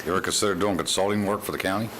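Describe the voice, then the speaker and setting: A man's voice: low voice, steady tone, very fast. A man speaks informally from a commission panel in a jovial, teasing manner. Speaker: county commissioner. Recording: loud crowd sound behind the voice.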